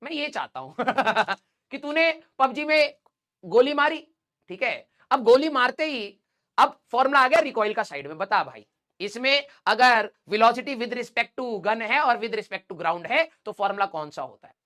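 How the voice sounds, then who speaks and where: A man's voice: extremely high pitch, animated, a little slow, sharp tone. Casting: a man as a playful, joking physics teacher who teases his online students, laughs a lot and tosses in English physics terms. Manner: teasing, playful, laughs often; mixes English physics terms into casual speech. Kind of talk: joking banter in a live online class.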